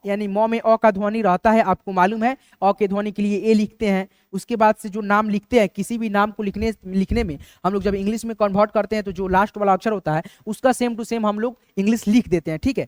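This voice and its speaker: A male teacher talks through a spelling lesson, sounding words out letter by letter. He goes slowly and patiently and keeps asking "okay?" as he works through each step. The recording is close and dry. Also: high voice, a little mellow, clean tone, no room sound.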